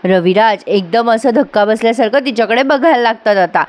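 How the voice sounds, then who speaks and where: A woman's voice: on the high side, brisk. Amused woman recapping a soap. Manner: amused, chatty, teasing. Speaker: serial reviewer. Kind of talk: voice-over episode recap.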